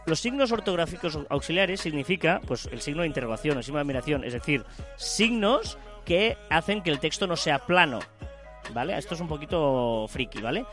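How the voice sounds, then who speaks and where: A man's voice: a little high, animated, fairly quick, a bit bright, faint music behind. A man co-hosting a casual podcast, explaining things step by step and often checking in with "¿vale?". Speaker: podcast co-host.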